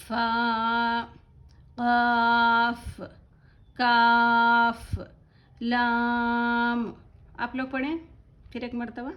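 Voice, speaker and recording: A woman teaching Quran recitation, with a slightly high voice. She draws out each letter name very slowly for her students to repeat, then drops into quick, soft explanations. The recording is dull and lo-fi. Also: completely flat delivery. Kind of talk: online lesson, letter-by-letter drilling. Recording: dull lo-fi audio.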